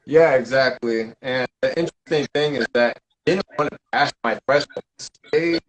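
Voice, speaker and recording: A man chatting on a live stream about his paranormal investigations. His pitch sits at an everyday middle level. He rambles and stalls, restarting sentences often. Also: low-quality recording. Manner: rambling, halting, with many fillers and restarts. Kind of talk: casual live-stream chat.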